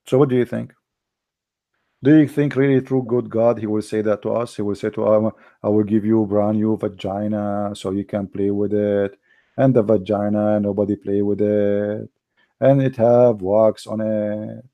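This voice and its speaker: A native Arabic speaker hosts an online call-in debate, arguing insistently with a caller, repeating himself and firing rhetorical questions. His voice is lowish with little pitch movement and a moderate pace, recorded with no room sound and the highs cut off.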